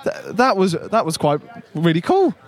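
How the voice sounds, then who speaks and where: A man's voice: sits high, wildly swooping pitch, moderate pace. A man presenting a live local radio broadcast from an outdoor village fair, chatty and upbeat.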